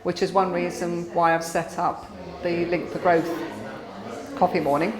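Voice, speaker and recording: A woman's voice: fairly low pitch, flat delivery, a little slow. A woman who organises a coffee morning, speaking earnestly in an interview with some fillers. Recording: echoey room with crowd behind.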